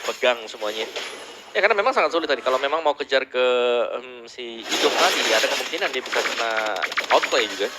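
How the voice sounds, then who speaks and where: A man's voice: medium pitch, lively intonation, fast, very noisy. An Indonesian man giving analytical esports commentary, mixing English gaming terms into his explanations.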